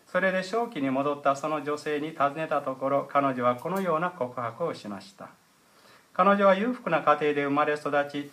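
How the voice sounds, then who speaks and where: A middle-aged man preaching a sermon as pastor, explaining in a measured way with frequent hesitation fillers. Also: on the high side, fairly bright tone.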